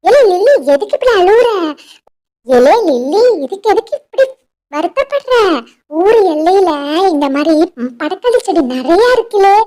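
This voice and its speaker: Lady doing a blunt cartoon bird dude w a twang, high voice. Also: sing-song, moderate pace, dark tone. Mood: coaxing. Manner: blunt, scolding, drawled "ele" calls. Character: blunt, simple-minded male bird helper.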